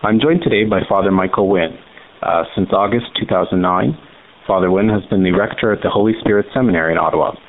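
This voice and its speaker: A man reporting for a radio program, asking formal, scripted interview questions in a brisk way. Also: sits low. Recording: tinny phone-line sound with faint hiss.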